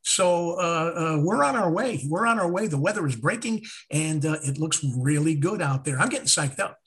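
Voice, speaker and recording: A man co-hosting a casual chat podcast, telling stories in an animated way and acting out his own confusion. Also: on the high side, normal speed. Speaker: podcast co-host.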